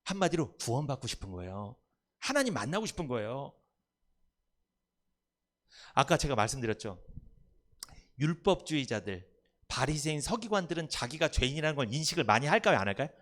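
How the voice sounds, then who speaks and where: A man's voice: medium pitch, big pitch swings, brisk, pauses often, fairly bright tone. A male pastor preaching a Sunday sermon in church, putting questions to the congregation and answering them himself. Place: church sanctuary.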